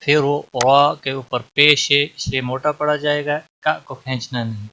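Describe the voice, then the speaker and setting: A man teaching Quran recitation rules, chanting each phrase slowly and drawn out, then explaining in plain spoken instruction. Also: medium pitch, steady tone, pushed and bright, a little hiss or hum. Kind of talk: tajweed lesson, chanted examples then explanations.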